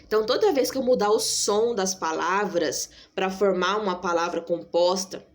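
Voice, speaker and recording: A woman teacher walks through a grammar lesson in an even, patient way. She keeps checking that her listeners follow, and she draws out each example word slowly so it sinks in. Her voice sits at a middle pitch for a woman. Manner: patient, repeats key points with frequent "tá?" check-ins; stretches out example words slowly for emphasis. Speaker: school teacher. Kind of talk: recorded online grammar lesson.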